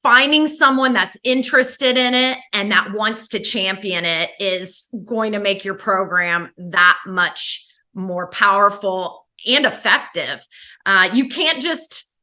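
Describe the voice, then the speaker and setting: A woman's voice: mid-range voice, slow, sharp tone. A woman giving conversational, emphatic answers as an expert interview guest.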